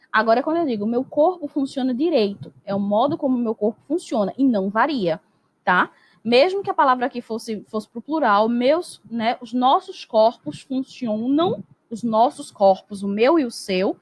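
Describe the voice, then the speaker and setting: A woman teacher explaining grammar in a recorded lesson, speaking patiently and constantly checking in with "né?" and "tá?". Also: high voice. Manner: explanatory, peppers speech with "né?" and "tá?"; acts out example sentences in a lifted voice.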